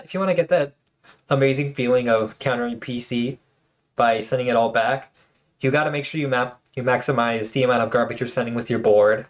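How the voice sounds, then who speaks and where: A man hosting his own channel and commenting casually on tournament replays, chatty and joking, with lots of fillers and restarts. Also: medium pitch.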